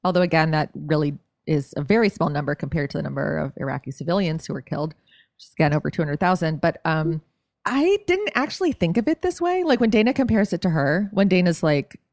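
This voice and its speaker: A woman's voice: low-pitched, sing-song, fast, a little mellow, dry recording, clean studio sound. A woman co-hosting a podcast in casual chat, chatty and full of fillers. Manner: chatty, frequent "like" fillers, laughing asides. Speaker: podcast co-host.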